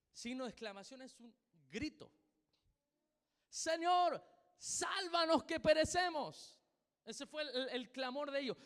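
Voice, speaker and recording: A man's voice: very high voice, a bit bright. A man with a Chilean accent preaching a sermon in church, emphatic and repeating his points with questions to the congregation. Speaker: pastor. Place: church sanctuary. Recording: long reverb of a church hall.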